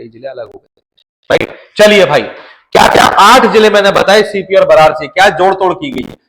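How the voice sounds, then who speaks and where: Chatty Hindi-speaking male teacher, higher voice. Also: fairly bright tone, low-quality recording. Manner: chatty teacher, drills lists and asks the class questions. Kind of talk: classroom lecture.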